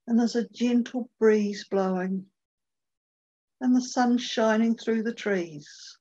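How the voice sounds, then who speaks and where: Slow, gentle woman guiding a meditation. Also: on the high side, husky, highs cut off. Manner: gentle, unhurried guiding with long pauses. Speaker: meditation guide. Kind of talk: guided meditation.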